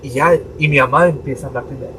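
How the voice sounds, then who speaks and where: A man's voice: mid-range voice, quick pace. A young adult priest tells a personal story on a podcast, acting out his parents' voices as he goes. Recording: distant mic with steady room noise.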